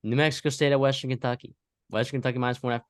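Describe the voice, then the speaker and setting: On a college football podcast, this co-host rambles casually through the scores, full of fillers and restarts. His mid-range voice is flat yet smooth, and he races along. The studio sound is clean, with no room sound at all.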